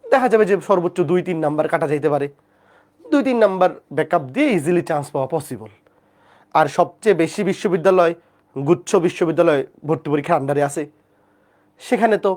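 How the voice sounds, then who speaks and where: A math teacher with a Bangladeshi Bengali accent gives a live online class lecture. The teacher has a fever, speaks softly, and keeps checking in with the students. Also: mid-range voice.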